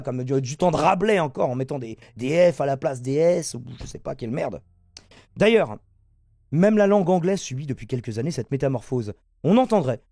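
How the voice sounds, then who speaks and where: Sarcastic man, animated, dry close mic. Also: a little high, no room sound. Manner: sarcastic, animated, jumps from reading to asides. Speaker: political commentary host. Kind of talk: mocking press-review commentary.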